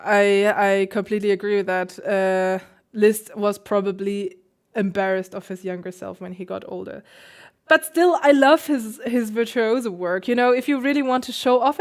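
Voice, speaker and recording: A woman's voice: mid-range voice, normal speed. Chatty woman pianist hosting a livestream. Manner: chatty, laughs often, answers chat questions. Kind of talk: casual livestream chat.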